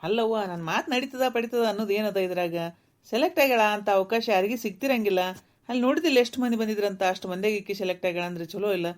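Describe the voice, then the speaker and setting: A woman voicing a patient young married man in a cartoon, reasoning gently with his mother. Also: medium pitch, fast, natural voice. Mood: calm. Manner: pleading, reasoning, soothing. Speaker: voice actor. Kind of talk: cartoon voice acting.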